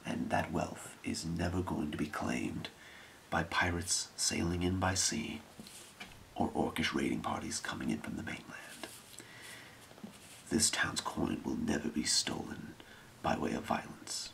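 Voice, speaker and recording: A man in a whispered role-play, playing a scheming thieves' guild boss with a breathy, creaky whisper and a measured, secretive delivery. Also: sits low, a bit bright, a little hiss or hum, full character voice. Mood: hushed, calculating.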